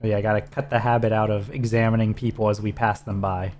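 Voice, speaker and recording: A man co-hosts a game stream in relaxed, instructive chat. His voice sits dark and mellow, patiently talking a teammate through menus. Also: lowish voice, fast talker, a little hiss or hum. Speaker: streamer co-host. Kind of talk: casual gameplay chat.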